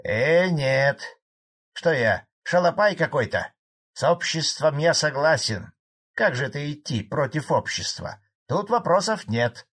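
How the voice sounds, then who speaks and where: A man voicing an angry, blunt old male Soviet cattle farmer in an audiobook, gruff and indignant. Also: a little high, lively intonation, unhurried, fairly bright tone, voice pushed up, full character voice.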